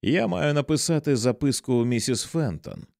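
A man voicing an uneasy male writer in an audiobook, quietly and distractedly muttering. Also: medium pitch, lively intonation, normal speed, vocal fry, no room sound, clean studio sound, pitched above the performer's own voice.

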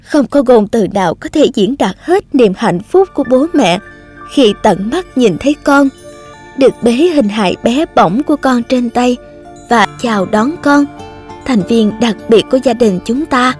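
A woman's voice: fairly high pitch, animated, measured pace, faint music behind. A woman voicing a loving young mother writing tender letters to her baby. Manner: tender, softly reading out letters.

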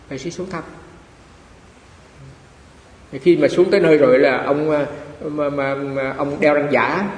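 Gravelly monk in an echoey hall. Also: male voice, medium pitch. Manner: conversational, storytelling, repeats phrases. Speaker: monk giving a Dharma talk. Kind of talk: Dharma talk. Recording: echoey hall with faint hiss.

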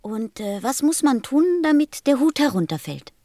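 The Little Prince, earnest and curious. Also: female voice, high-pitched, sing-song, moderate pace, mellow. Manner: earnest, questioning, courteous. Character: small, polite, curious boy prince from another planet. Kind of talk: German radio play acting.

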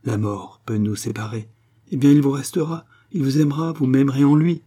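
A man reading as a pompous middle-aged count who speechifies, pleased with the sound of his own words. The voice is dark and husky, a little raised, and rolls out grand phrases. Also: medium pitch, fairly even intonation, brisk, voice pushed up, lightly acted. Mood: grandiloquent. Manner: grandiloquent, lecturing, full of himself.

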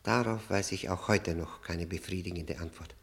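The performance, from a German audio drama, has an actor as an agitated, haunted man who halts and broods through a confession of his past. Emphatic outbursts give way to near whispers. His voice sits low with vocal fry, anguished and hushed.

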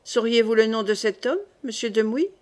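A proud young king who bristles at being managed, speaking with commanding indignation. A woman reads him in a fairly high voice. It is an audiobook reading. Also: moderate pace, darkish tone, close to an everyday voice. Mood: indignant.

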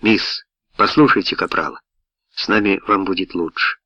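Brief: male reader as a plain-spoken stubborn soldier, blunt, lower voice, muffled dry recording. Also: moderate pace, bright, forceful tone, no echo. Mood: earnest.

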